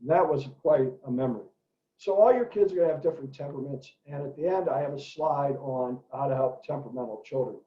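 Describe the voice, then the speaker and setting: A middle-aged man, an educator, giving an animated talk to parents and telling stories in character voices, in an echoey room with dull lo-fi sound. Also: mid-range voice, fast. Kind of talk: presentation for parents.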